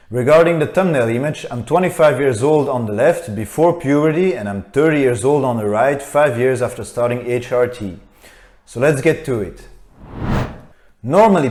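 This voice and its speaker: A man in his thirties from Belgium tells his own story in a scripted, candid voice, frank and a little self-mocking. His pitch sits in an ordinary middle range for a man. The room around him gives the voice a noticeable echo. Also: a little mellow. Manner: candid, matter-of-fact, self-deprecating. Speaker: vlogger. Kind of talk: scripted personal narration. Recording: roomy echo.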